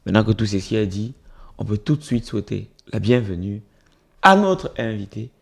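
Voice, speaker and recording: A man hosting an interview in a casual, lively way, joking and often repeating the guest's words back. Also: lowish voice, moderate pace, creaky, slightly rough. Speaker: interview host.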